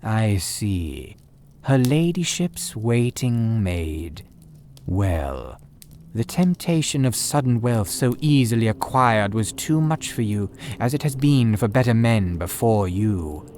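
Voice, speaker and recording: A man voicing a calm, sharp-witted male detective who speaks in a measured, dry and commanding way. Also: fairly low pitch, a little hiss or hum. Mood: dry accusing.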